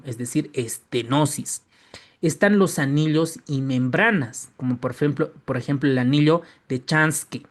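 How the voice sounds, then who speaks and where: A man giving an online medical exam-prep lecture. He repeats key terms and tags his lines with quick checks for agreement. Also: fairly high pitch. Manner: lively, emphatic rises on key terms.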